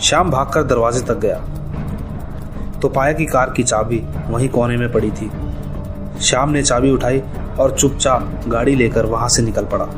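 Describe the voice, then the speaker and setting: A man narrating a scripted horror story in a steady, even storytelling manner. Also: medium pitch, moderate pace. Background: faint background music.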